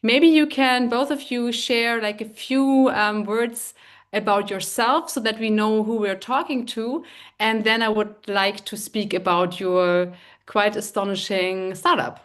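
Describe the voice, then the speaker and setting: A woman with a German accent hosts a live online interview. She talks at a middling pitch and pauses often with fillers as she hands over to her guests. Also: fairly even intonation, a bit bright. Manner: hesitant, with many fillers. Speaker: host.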